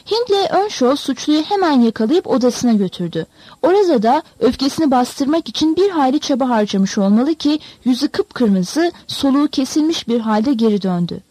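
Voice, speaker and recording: Mellow-voiced woman narrating a novel. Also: sits high, dry recording. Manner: measured, expressive storytelling. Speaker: audiobook narrator.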